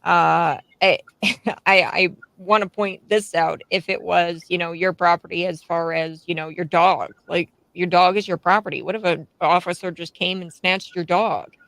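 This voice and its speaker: A woman's voice: lowish voice, fairly even intonation, normal speed, vocal fry, fairly bright tone, dry recording, low-quality recording. A woman in her twenties hosting a radio talk show, chatting casually and laughing between her points. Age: 20s.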